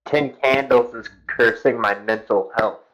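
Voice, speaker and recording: A man's voice: medium pitch, steady tone, a little slow, a bit bright, rough recording. A man chatting casually on an online voice call through a headset. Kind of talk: casual chat.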